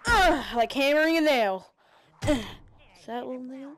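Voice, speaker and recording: A woman giving casual gameplay commentary, excitable and swearing, making silly sound effects. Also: high-pitched, normal speed, slight background noise. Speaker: gamer playing on stream.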